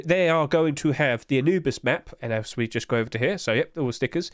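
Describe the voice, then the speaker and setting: A gaming market commentator with a stuffy nose chats loosely over a screen share about in-game item prices, filling his talk with fillers. His voice is a little high, and the studio-quality recording has no room sound.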